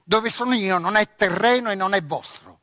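A man's voice: high-pitched, moderate pace, bright, forceful tone, no echo, studio quality, pitched above the performer's own voice. A man reading aloud voices a proud, touchy young noble boy who boasts indignantly.

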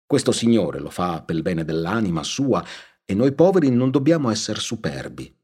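A man's voice: fairly low pitch, very animated, moderate pace, a little mellow, slightly rough. A man voicing a plain-spoken older peasant mother who is practical and chiding in an audiobook reading.

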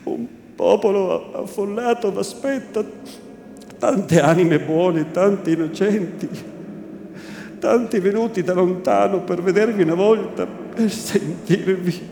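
A man voicing a tormented, repentant nobleman who shouts and pleads in anguish, as a theatrical reading. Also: sits high, slow, gravelly, voice pushed up, heavily acted. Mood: pleading. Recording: echoey room with background noise.

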